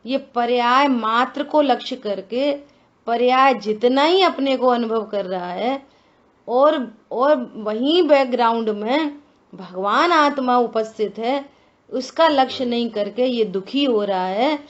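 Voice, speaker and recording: A woman giving a religious scripture discourse, slow and deliberate, asking many rhetorical questions. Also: on the high side, muffled recording. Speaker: scripture teacher.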